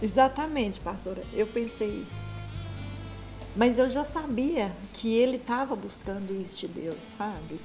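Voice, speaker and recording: A woman with a fairly high voice speaks as a guest on a church program, recounting events in a conversational way. Faint music plays behind her. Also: expressive, a little slow, darkish tone. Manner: conversational, adds "sabe?" often. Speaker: guest, the storyteller's wife. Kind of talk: church testimony interview.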